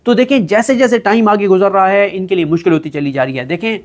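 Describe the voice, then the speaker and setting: Emphatic man, higher voice. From Pakistan. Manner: animated, emphatic, frequent filler pauses. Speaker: political commentator. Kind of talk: solo political commentary video.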